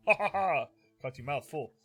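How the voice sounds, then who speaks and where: A man runs a live tabletop game stream, his voice sitting a little high and swinging up and down with excitement. He laughs often and chats casually with viewers, with faint music playing behind him. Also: extremely slow, slightly rough. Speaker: game master and stream host.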